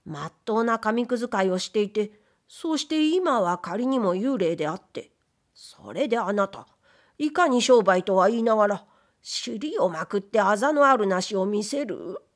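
A woman's voice: medium pitch, animated, moderate pace, natural voice. A woman reading aloud, voicing a humble, timid male ghost who was once a wastepaper dealer, speaking in polite, plaintive old Edo commoner speech. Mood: aggrieved. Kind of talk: audiobook reading of period fiction.

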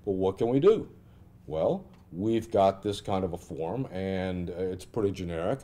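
A middle-aged American man giving an informal lecture with a software demonstration, thinking aloud and asking rhetorical questions. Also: low voice, expressive, unhurried. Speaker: instructor presenting clinical simulations. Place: indoor classroom at a lectern.

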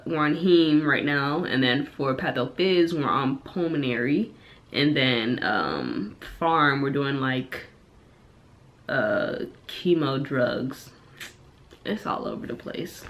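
A woman's voice: extremely low pitch, sing-song, slow. A woman in her twenties, a medical student, chatting casually in a vlog, a bit congested from a cold and full of filler words. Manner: chatty, lots of "like" and "you know" fillers.

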